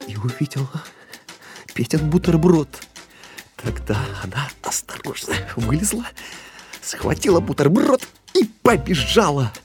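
A man narrating a children's story with an expressive, lilting read-aloud delivery. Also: mid-range voice.

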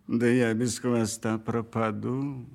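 A woman's voice: extremely low pitch, little pitch movement, slow pace, creaky, a little mellow, voice pushed down, full character voice. A woman voicing a sly, boastful female fox in an audio fairy tale.

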